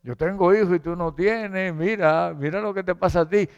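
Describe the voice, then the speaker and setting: A man voicing a mocking, boastful rival wife who taunts a childless woman in a high, sing-song voice. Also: slow pace, creaky, clean tone, big-room sound, highs cut off, exaggerated voice. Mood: taunting.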